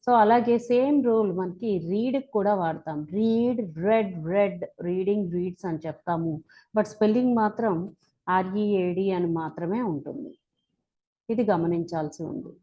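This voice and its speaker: A woman with a Telugu accent teaching English verb forms, reciting each form one by one slowly and deliberately. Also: medium pitch, lo-fi sound. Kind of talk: slow spoken-English lesson.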